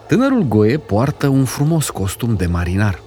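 Male storyteller, mid-pitched, wildly animated and expressive reading. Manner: lively, expressive, acts out characters. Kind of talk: dramatic reading of a classic story.

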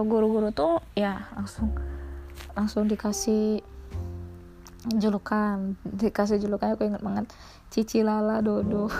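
Chatty young woman, mellow tone. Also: medium pitch, gravelly. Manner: chatty, lots of fillers, mimics others in quotes. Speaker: former daycare worker. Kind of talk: casual storytelling chat.

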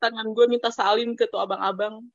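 Young woman, high voice, animated storytelling, dry dull lo-fi sound. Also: fast, dry recording. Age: young adult. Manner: animated storytelling, laughs into her own punchlines. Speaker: podcast co-host. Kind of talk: casual chat.

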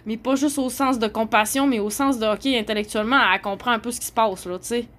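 A woman's voice: fairly high pitch, fairly even intonation, fast talker, a bit bright. A woman with a Québécois French accent, a journalist speaking in an indignant, rambling monologue full of "là" and "tu sais". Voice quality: heated, indignant rambling with frequent "là". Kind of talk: casual monologue. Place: homeless shelter.

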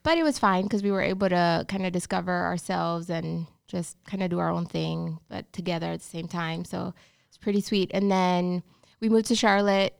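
Gravelly-voiced woman from Honduras, chatty. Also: on the low side, no room sound, studio quality. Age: 30s. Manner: chatty, storytelling, upbeat. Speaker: bakery owner, guest. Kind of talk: casual interview chat.

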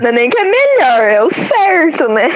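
A young Brazilian woman with a raspy, phlegmy smoker's voice, bantering casually as a podcast host. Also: high-pitched, very animated, moderate pace, rough recording.

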